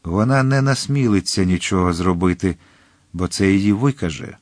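Reserved veteran swordsman, grave, low voice, read by a male narrator. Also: moderate pace, a little mellow, no room sound, clean studio sound. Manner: restrained, grave.

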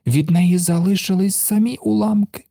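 A man's voice: high voice, moderate pace, vocal fry, warm tone, dry recording, clean studio sound, pitched above the performer's own voice. A man reading a storybook aloud and voicing an earnest young boy who worries and asks wondering questions. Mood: upset.

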